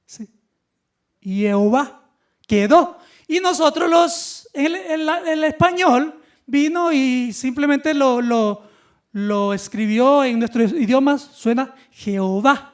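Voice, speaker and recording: A male pastor preaching a Sunday sermon in a lively teaching manner, putting questions to the congregation. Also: extremely high pitch, slow pace.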